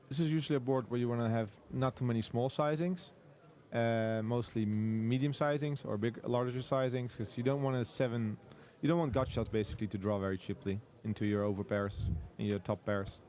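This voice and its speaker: A man's voice: medium pitch, fairly even intonation, normal speed, a little mellow. A man commentating live poker, breaking down hand strategy in detail with frequent restarts and repeated agreement.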